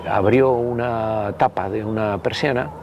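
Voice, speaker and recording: This interview guest is a Basque political party member in his sixties whose voice sits on the low side with a steady tone. He tells casual anecdotes in Basque-accented Spanish, rambling and halting, tagging questions onto his remarks, against a noisy background.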